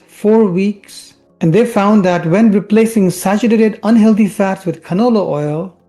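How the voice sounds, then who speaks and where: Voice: mid-range voice, mellow. A presenter from India who is a physician, explaining research in a scripted science show host manner with rhetorical questions and emphatic key words. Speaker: family physician presenting health videos.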